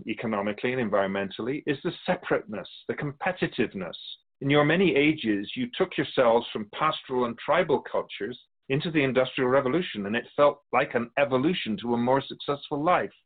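For a radio drama, a man voices a serene, otherworldly keeper of the soul realm, calm and wise, speaking in a measured, philosophical, gently lecturing way. His middle-pitched voice has lively intonation and is lightly acted, and the audio sounds narrow and tinny like a phone line.

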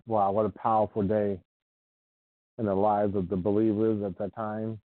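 This is a preacher from Ohio, a man with a lowish voice and a level tone, delivering an informal, earnest sermon that includes scripture reading. He is unhurried and repeats himself. The recording has no room sound and is dry and tinny, like a phone.

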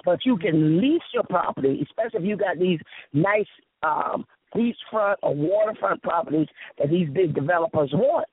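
A woman from the South Carolina Sea Islands with a Lowcountry Gullah Southern accent tells stories conversationally and emphatically, repeating phrases and acting out dialogue. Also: lively intonation, normal speed, husky, no echo. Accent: Lowcountry Gullah Southern American. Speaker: interview guest. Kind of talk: animated conversational storytelling. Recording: narrow, tinny phone-like audio.

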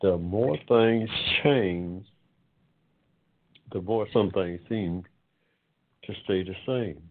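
Over what sounds like a thin phone connection, an older man in his seventies leads an online forum, talking loosely on his own. He speaks in a low register and takes his time, reflective, with frequent pauses and lingering words.

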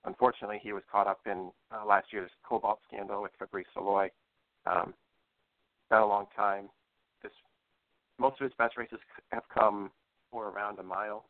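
A man speaking as a guest horse racing expert in a measured, hesitant, analytical way on a talk show. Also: lowish voice, little pitch movement, no room sound. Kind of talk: live radio-style racing analysis interview. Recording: thin phone-like line.

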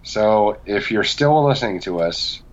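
A man's voice: lowish voice, expressive, unhurried, dull audio. A man co-hosting a casual sports podcast, bantering and joking in an upbeat way. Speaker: podcast co-host.

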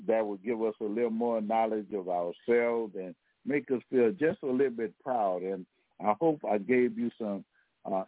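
Over a tinny, dry phone line, a man with a lowish voice hosts a history podcast. He lectures in a rambling, halting way, full of fillers and restarts.

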